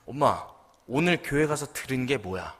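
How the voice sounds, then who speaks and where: A man's voice: medium pitch, animated, moderate pace, fairly bright tone. A man voicing an angry grown son who scolds his mother, in a church with long reverb. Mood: exasperated. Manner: exasperated, demanding.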